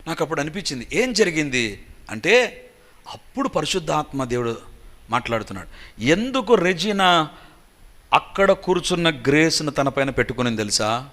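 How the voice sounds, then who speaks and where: A man's voice: on the high side, pushed and bright. A man preaching, telling a personal story as testimony and acting out the voices and cries of the people in it.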